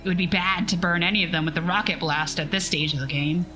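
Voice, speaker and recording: A woman's voice: on the low side, steady tone, fast talker, bright, forceful tone. A woman voicing a fussy, businesslike male space merchant in a nasal voice, reading a sci-fi story aloud. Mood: smug, fussy.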